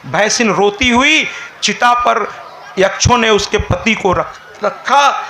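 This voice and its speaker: A man's voice: high voice, slow, pushed and bright, echoey room, slight background noise. A male preacher telling a scripture story at a live devotional gathering, repeating phrases for emphasis and addressing listeners as maharaj. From India. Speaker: katha preacher.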